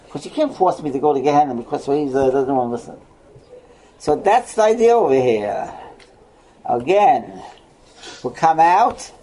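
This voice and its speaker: Guy teaching a torah class, dark voice, swoops up and down, keeps going "right?". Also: a little high, slight background noise, low-quality recording. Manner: asks and answers his own rhetorical questions; repeats phrases, checking with "right?". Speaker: religious teacher. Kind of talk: Torah study lesson.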